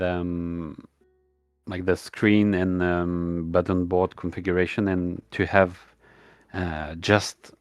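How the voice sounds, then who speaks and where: A tired man, up all night, talks shop as a stream guest. He gropes for words, full of fillers and restarts, in a low voice. The sound is dry with no room echo. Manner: halting, many fillers and restarts. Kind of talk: casual technical chat.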